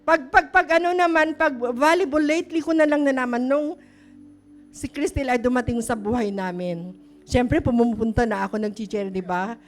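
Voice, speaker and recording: A woman's voice: sits high, normal speed, soft background music. A middle-aged woman pastor, preaching a chatty, story-filled sermon that often questions the congregation. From Philippines.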